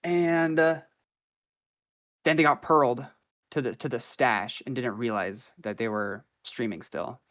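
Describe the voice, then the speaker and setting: A man's voice: mid-range voice, unhurried, fairly bright tone. Rambling young man telling gaming stories. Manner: rambling, filler-heavy, slangy. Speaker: podcast guest. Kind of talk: casual storytelling chat.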